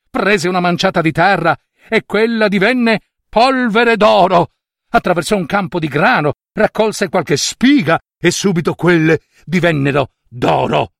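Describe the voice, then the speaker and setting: Guy telling a story to listeners, expressive, kinda high voice, really dry sound. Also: vocal fry, no room sound. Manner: expressive, addresses listeners directly. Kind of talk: storytelling narration for children.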